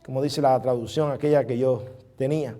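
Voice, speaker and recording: A man preaching a sermon as pastor, stretching key words slowly and moving between hushed asides and loud emphatic lines, with chatty remarks to the congregation. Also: mid-range voice, fairly even intonation.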